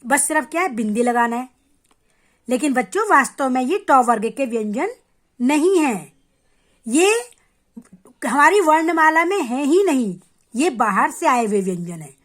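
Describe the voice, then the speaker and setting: A woman teaching a grammar lesson to children, patient and step by step, addressing them directly and sounding out letters slowly to show how they are said. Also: high voice, expressive. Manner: repeats sounds slowly and clearly to demonstrate.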